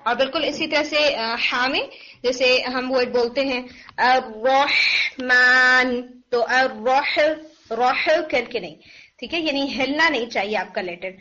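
The speaker is a woman giving an online pronunciation lesson for recitation, with a high voice that sounds pushed and bright. She patiently draws out sounds to model them while repeatedly clearing a sore throat; the recording is dull and lo-fi.

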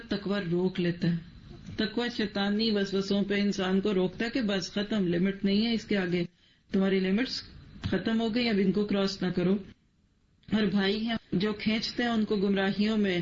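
A man giving a Quran commentary lecture, reciting verses in Arabic and then explaining them slowly. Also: high-pitched, darkish tone, dull audio, slight background noise. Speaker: Quran teacher.

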